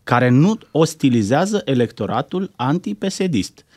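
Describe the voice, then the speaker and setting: A man's voice: medium pitch, big pitch swings, darkish tone, breathy edge, no echo, studio quality. A man giving heated, indignant political commentary on a talk show, firing off rhetorical questions.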